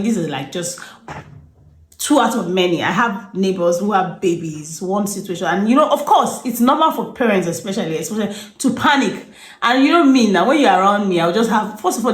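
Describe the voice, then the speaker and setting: Calm woman telling stories. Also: mid-range voice. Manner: calm, rambling storyteller with frequent "you know". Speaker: herbalist and nutritionist. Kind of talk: storytelling in an interview. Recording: echoey room.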